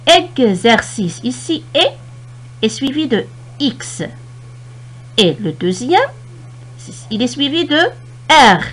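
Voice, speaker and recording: A woman teacher from Morocco walks through a spelling lesson at an unhurried, careful pace. Her slightly high voice rises and falls a lot as she stretches out each example word. She explains patiently, one rule at a time. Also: husky. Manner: slow, deliberate explanation, stressing and stretching example words.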